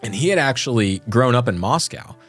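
A man's voice: medium pitch, animated, a little fast, fairly bright tone, slightly rough, faint music behind. A man co-hosting a podcast, telling a story in a chatty, joking way. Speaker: podcast co-host. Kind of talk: casual chat.

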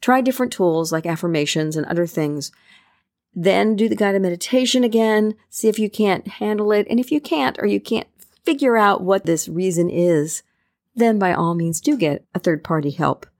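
A woman's voice: medium pitch, moderate pace, darkish tone, no echo. Encouraging woman guiding self-help, dry close sound. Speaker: self-help coach and meditation guide. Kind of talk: self-help talk and guided meditation.

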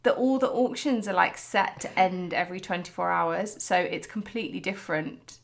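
Gravelly low-voiced woman chatting. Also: moderate pace. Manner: chatty, rambling with many "like"s. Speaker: podcast co-host. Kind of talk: casual podcast chat.

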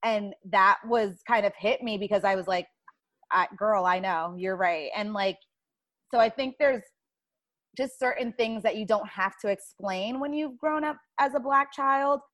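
A woman's voice: fairly high pitch, moderate pace, fairly bright tone, dry recording. A woman speaking informally and thoughtfully in a conversational panel discussion, explaining things as she goes. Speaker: child life specialist, guest.

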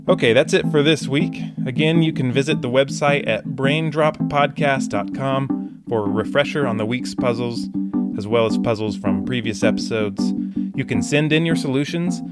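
A man hosting a puzzle podcast in a conversational way with wry, jokey asides, recorded in a small closet. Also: mid-range voice. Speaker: podcast host. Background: music.

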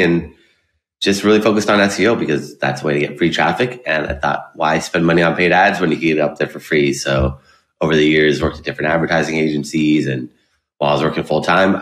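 Very deep-voiced man, echoey room. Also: a bit bright. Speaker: podcast guest, digital marketing expert. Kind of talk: conversational interview answers. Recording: roomy, echoey sound.

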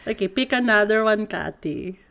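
A woman co-hosting a casual chat, animated and laughing often, who grew up in a Filipino bilingual household. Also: medium pitch, normal speed, creaky. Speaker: podcast co-host.

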